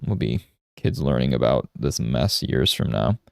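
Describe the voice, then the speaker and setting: A man's voice: extremely low pitch, very animated, a little slow, gravelly, dry recording, clean studio sound. A man in his thirties giving a casual live art lesson while drawing, rambling into anecdotes and often checking in with "right?". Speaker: art streamer and instructor.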